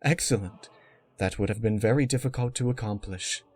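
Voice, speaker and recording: Regal pony princess villain done by a man, measured, cold and commanding, for a dark storybook reading. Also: on the low side, slightly rough. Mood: cool approval.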